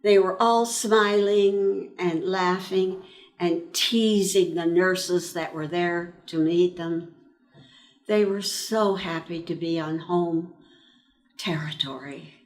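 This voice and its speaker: A woman in her nineties from eastern Pennsylvania, USA, speaks in a lowish voice with fairly even intonation as she remembers being a World War II army nurse. The oral-history interview finds her telling her story slowly and reflectively, with frequent pauses between phrases.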